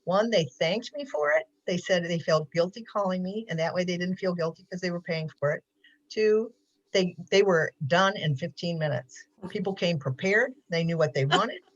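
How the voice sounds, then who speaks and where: A woman's voice: fairly low pitch, moderate pace. A woman counselor giving a casual talk on a video call, chatty and laughing often, with many ums. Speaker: mental health counselor. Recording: dull lo-fi call audio.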